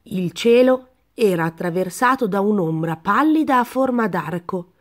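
A woman reading a children's picture book aloud in a calm, gentle narrating voice. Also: mid-range voice, moderate pace. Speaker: storyteller. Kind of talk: children's story read-aloud.

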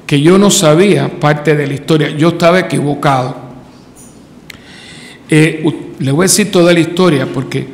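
A man's voice: on the high side, slight background noise. A man, a priest, telling a personal story in a loose conversational homily, rambling along and lifting his voice to quote others. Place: church. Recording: long church reverb.

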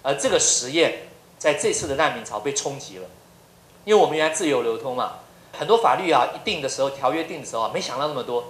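A man's voice: mid-range voice, expressive, fast talker, fairly bright tone. A middle-aged man from Taiwan, a professor giving a lecture full of humorous anecdotes and rhetorical questions. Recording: roomy lecture hall.

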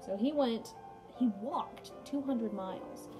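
A young woman's fairly high-pitched voice comes through a low-quality recording as she slowly reads through a casual music lesson, dropping in informal, talkative comments. She's in a small room at home, with music in the background.

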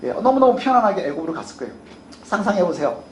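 A man delivers a sermon with a high-pitched voice, questioning his listeners as he goes. He puts on the pleading tone of people praying. The recording is roomy and echoey, with a faint hiss underneath. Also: sing-song, very fast. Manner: asks the congregation questions, acts out prayers in a higher voice. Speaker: pastor.

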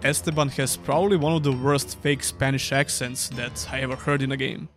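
A man's voice: medium pitch, fairly even intonation, brisk, fairly bright tone, faint music behind. A young man giving a scripted, dryly sarcastic voice-over review of an old game. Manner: dry, sarcastic. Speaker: gaming YouTuber.

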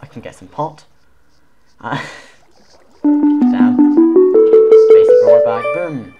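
A man giving let's play commentary as a gaming YouTuber, excitable and self-mocking with sudden loud outbursts. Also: medium pitch, slow, dull audio, loud music behind the voice.

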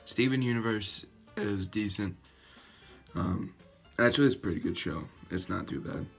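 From his bedroom, a teen YouTuber chats through a casual reaction vlog, mocking himself and laughing along. His fairly low voice has vocal fry and a slightly rough edge at normal speed. A built-in webcam mic at arm's length captures it over faint background music.

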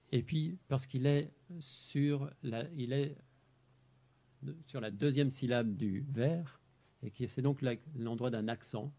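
A man presenting his translation work in a measured, explanatory talk, pausing over single words. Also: medium pitch, mellow. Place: amphitheater.

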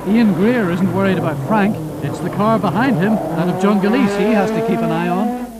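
High-pitched male motorsport narrator. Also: normal speed, very noisy. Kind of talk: scripted sports narration. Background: loud music and car sounds.

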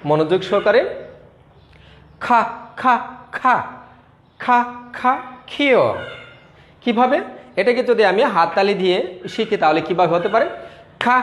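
Give me a patient teacher with a Bangladeshi accent drilling letter sounds over and over, in an echoey room. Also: mid-range voice. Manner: patient, repetitive, asks and answers own questions. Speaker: school English teacher. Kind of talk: slow classroom lesson for young children, drilling sounds. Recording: roomy echo.

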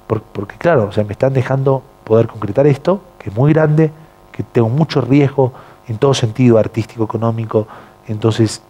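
A man with an accent mixing Argentine and Bolivian Spanish, a TV news presenter telling stories as a guest in a casual interview, animated and acting out the voices of the people in his stories. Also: mid-range voice. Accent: mixed Argentine and Bolivian Spanish. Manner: animated, acts out quoted voices.

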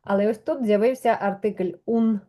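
Patient woman teaching, mellow voice. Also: medium pitch, moderate pace. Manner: patient, explaining step by step with questions. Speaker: Spanish teacher. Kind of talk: one-on-one language lesson.

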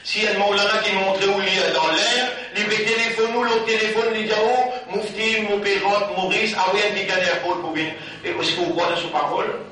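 A man preaches a Ramadan sermon, alternating loud declarations with quiet asides, captured from a distance in an echoing hall. His voice is high, and there is background noise.

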